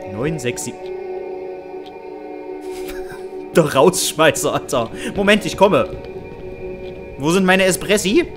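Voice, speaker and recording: A man casually commentating a horror game, joking and sarcastic, talking to the game character. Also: medium pitch. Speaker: let's play host.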